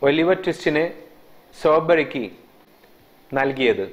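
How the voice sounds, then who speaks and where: A man's voice: fairly high pitch, takes it slowly. Malayali man explaining English lessons. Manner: translating line by line, explaining grammar. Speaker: English teacher. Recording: dull lo-fi sound.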